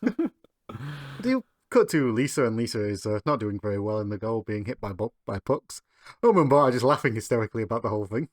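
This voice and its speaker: A man's voice: mid-range voice, animated, brisk, no echo. A man co-hosting a podcast, recapping a cartoon episode and stringing events together with many fillers.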